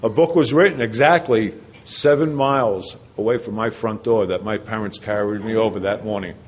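A man's voice: on the low side, moderate pace, slightly rough. Earnest New man telling his story. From New Jersey. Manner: earnest storytelling with rhetorical questions and repetition. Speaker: recovery speaker. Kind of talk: personal recovery story told to a meeting.

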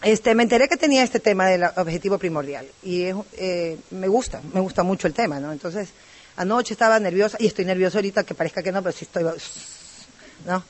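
A woman from Ecuador, speaking fast in a mid-range voice with an Ecuadorian Spanish accent, shares her personal testimony with a recovery group. She's talkative and rambling, constantly adding asides and tag questions.

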